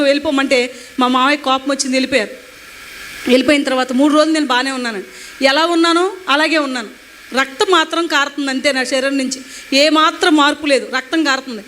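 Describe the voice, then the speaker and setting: Woman, testimony speaker, high bright voice, emotional animated delivery. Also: a little hiss or hum. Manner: emotional, animated retelling with acted quotes. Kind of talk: personal testimony storytelling.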